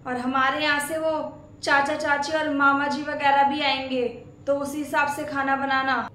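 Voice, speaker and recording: A woman's voice: high voice, flat delivery, normal speed, pushed and bright, reverberant, a little hiss or hum. A woman playing a domineering middle-aged mother-in-law in a family skit drama, scolding and commanding.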